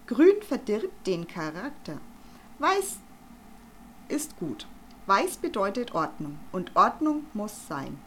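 A woman voicing a loud, bossy older matron who gushes and scolds in a shrill voice. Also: sing-song, takes it slowly, slight background noise. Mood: scolding.

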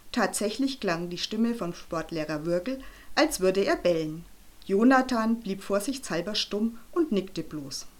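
Woman narrating a children's audiobook. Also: medium pitch.

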